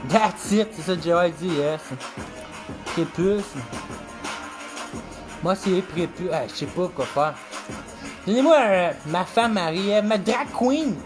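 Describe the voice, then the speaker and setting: A man's voice: sits high, lively intonation, slow, long pauses, music in the background. A man with a Québécois French accent, a rapper chatting casually on a livestream and freestyling, rambling and swearing often.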